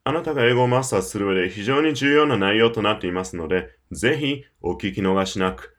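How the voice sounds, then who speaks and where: A man delivering a scripted audio course in a lively, rising-and-falling voice. He sounds persuasive and emphatic and speaks straight to the listener. Faint clicking sounds in the background. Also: on the low side, a little fast. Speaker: English-learning course presenter.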